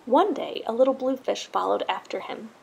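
A woman narrating a children's storybook aloud in an expressive, scripted style. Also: fairly high pitch, moderate pace, vocal fry, husky, poor audio. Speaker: storybook reader.

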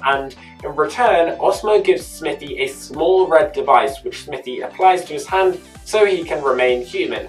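A YouTube host giving a scripted episode recap narration, adding chatty personal asides. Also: mid-range voice. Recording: distant mic with faint music behind.

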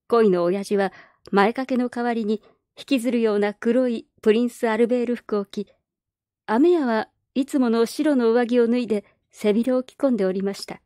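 Audiobook narrator: calm woman, mellow and slightly high voice. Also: dry recording, clean studio sound. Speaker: narrator reading a novel aloud. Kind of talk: scripted storybook narration.

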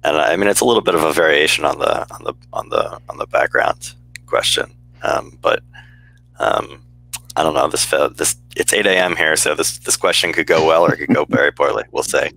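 Low-voiced man moderating a video panel. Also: brisk, gravelly, sharp tone, no room sound, poor audio. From United States. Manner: loose, joking, lots of fillers. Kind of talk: casual panel chat. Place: home room on video call. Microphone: headset.

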